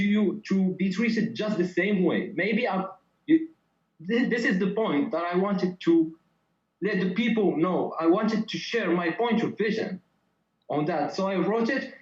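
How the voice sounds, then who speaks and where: A man, a contestant artist talking earnestly and loudly on a video call in loose phrasing. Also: high-pitched. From Morocco. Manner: loud, earnest, speaking in loose non-native phrasing. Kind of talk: online showcase interview. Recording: echoey, muffled video call audio.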